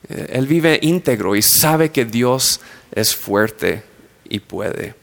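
A man's voice: mid-range voice, lively intonation, takes it slowly, gravelly. A man preaching a sermon, retelling a story with playful asides and acted-out scenes. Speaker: pastor.

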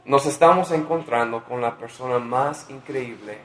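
A man preaching a sermon in a conversational way, with many restarts, swinging between loud exclamations and quiet near-whispers. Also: mid-range voice, normal speed, echoey room, a little hiss or hum. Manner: speaks with restarts and fillers, conversational.

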